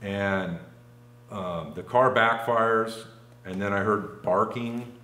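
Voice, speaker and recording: A man with a fairly low voice tells a long story in a loose, casual way. He rambles and fills his sentences with "like." He is heard in an echoey room. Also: slow, pushed and bright. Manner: rambling, full of "like" fillers. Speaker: podcast guest.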